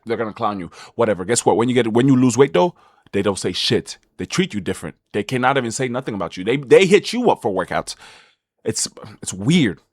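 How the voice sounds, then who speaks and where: Animated young man, lively slangy storytelling. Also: no echo, clean studio sound. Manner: animated, swings into high excited voice for quoted thoughts; slangy, loose and candid. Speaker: vlogger. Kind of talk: casual storytelling to camera.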